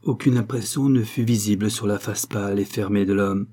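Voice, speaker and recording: Low, husky male storyteller. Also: steady tone, mellow. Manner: measured literary reading. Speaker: audiobook reader. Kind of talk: scripted narration.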